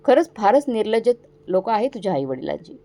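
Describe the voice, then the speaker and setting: Lady doing a mean bossy mother-in-law, taunting, warm low tone. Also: big pitch swings, quick pace. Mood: scornful. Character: harsh scolding middle-aged mother-in-law.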